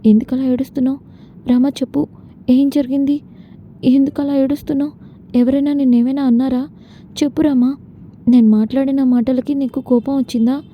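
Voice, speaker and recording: A woman's voice: high voice, level tone, normal speed, long pauses, natural voice. A woman voicing a caring, anxious young woman who questions her friend. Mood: worried. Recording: dull lo-fi with faint noise.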